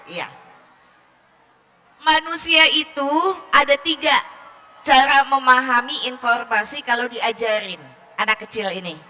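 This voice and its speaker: Bright-voiced woman teaching parents. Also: sits high. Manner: chatty, jokey, asks the audience questions. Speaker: early-childhood education speaker. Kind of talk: lively seminar talk to parents and teachers. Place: seminar hall with an audience.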